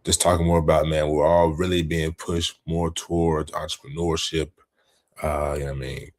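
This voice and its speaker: This man co-hosts a podcast and chats about sports in a relaxed, slangy style, frequently asking "you know what I mean." His voice is very deep, his delivery flat, and he speaks at a normal speed.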